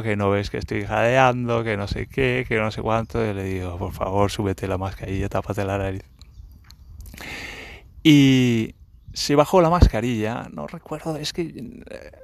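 A man's voice: on the low side, dry recording. Dry-voiced man telling a story. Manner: animated, acts out dialogue with laughs. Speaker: podcast host. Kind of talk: casual storytelling monologue.

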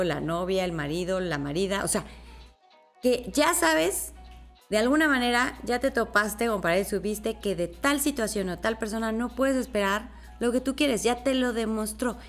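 A woman with a Mexican accent hosting a live stream, greeting viewers warmly and explaining angel messages in a chatty, affectionate way with everyday examples. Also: mid-range voice. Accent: Mexican Spanish. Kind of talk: casual live stream with spiritual guidance.

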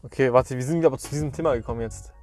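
A man's voice: medium pitch, very fast, darkish tone, soft background music. A young man co-hosting a podcast, telling rambling stories in a casual, slangy way. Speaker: podcast co-host. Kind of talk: casual chat.

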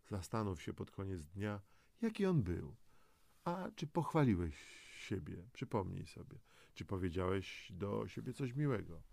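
Low-voiced and gravelly with a darkish tone, a man delivers a self-help audio guide in an unhurried way, his pitch swinging widely; there's no echo. His scripted narration is motivational, speaking straight to the listener with encouragement.

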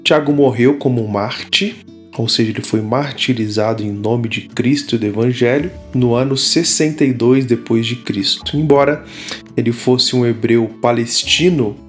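A man teaching a Bible study series, explaining step by step and often pausing to restart. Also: medium pitch. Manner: explanatory, frequent fillers and restarts.

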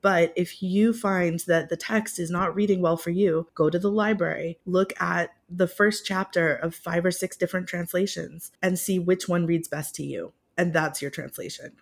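Speaking as a guest in a conversational interview, a woman with a lowish, gravelly voice talks about being a Russian literature professor. A native English speaker, she keeps things casual and self-deprecating, laughing from time to time.

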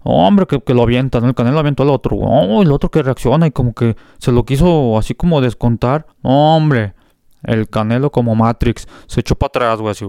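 A Mexican man co-hosting a comic news show, telling stories in heavy street slang with lots of excitement. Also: mid-range voice, clean tone, no echo, clean studio sound. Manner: slangy, excitable, rambling storyteller. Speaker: co-host.

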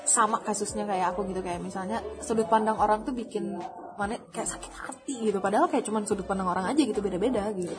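A woman's voice: mid-range voice, fast talker, music in the background. A young woman, hosting a casual chat and teasing her friends as she steers the talk. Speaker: host.

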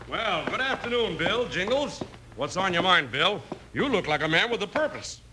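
Casting: friendly frontier banker, highish, lively swooping delivery, vintage radio western. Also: male voice, normal speed. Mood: genial, helpful. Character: genial, helpful male small-town frontier banker. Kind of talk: old-time radio western acting. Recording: faintly noisy old radio recording.

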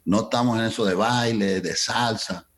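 A man putting on a gruff old Cuban boss. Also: lowish voice, moderate pace, fairly bright tone. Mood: dismissive. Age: 60s. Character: formal older Cuban businessman, gruff and dismissive.

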